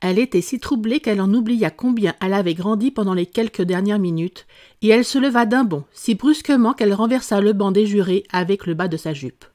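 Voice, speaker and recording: Woman narrator, audiobook storyteller, measured, expressive. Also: mid-range voice. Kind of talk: scripted narration.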